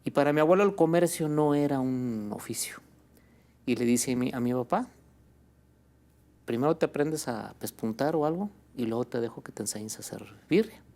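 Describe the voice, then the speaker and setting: A Mexican man with a gravelly, creaky voice tells a long story as a guest in a conversation. He speaks in a relaxed, chatty way, often pausing on fillers and asking "¿no?" at the end of his phrases. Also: medium pitch. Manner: relaxed, fills with "este" and "pues", ends phrases with "¿no?". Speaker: guest, birria restaurant owner.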